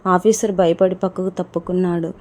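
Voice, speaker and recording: A woman's voice: lowish voice, little pitch movement, a little fast, dark tone. A woman narrating a dramatic story in scripted storytelling style.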